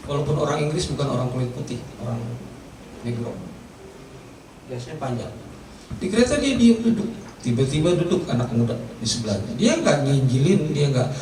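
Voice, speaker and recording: Lively male pastor in an echoey church. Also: far from the mic, slight background noise. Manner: lively storytelling, casual slang, wide pitch swings. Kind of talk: sermon. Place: church hall.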